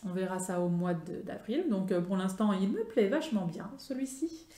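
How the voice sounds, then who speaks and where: French woman, casual vlogger, halting and filler-heavy, roomy echo. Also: mid-range voice, warm tone. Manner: chatty, many fillers and restarts. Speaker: craft vlogger. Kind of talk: casual show-and-tell chat.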